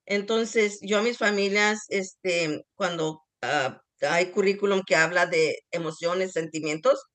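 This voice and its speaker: A woman's voice: lowish voice, unhurried, a bit bright. A woman leading a parenting group, explaining to the parents and addressing them directly. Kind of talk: casual group talk. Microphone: video call.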